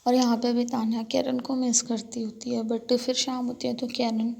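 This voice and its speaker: A young woman tells a story in a relaxed, talky way, full of fillers. Her voice sits a little high and has a gravelly, creaky edge, and her pitch stays flat. She records alone in a room with outside noises coming in. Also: moderate pace. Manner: chatty retelling, filler-heavy, quotes lines in her own voice. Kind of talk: casual spoken storytelling.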